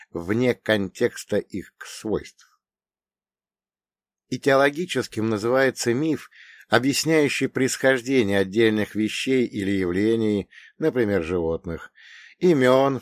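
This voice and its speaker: A man reading a first-person audiobook in a measured, explanatory manner. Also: fairly low pitch, no echo, clean studio sound. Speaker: audiobook narrator.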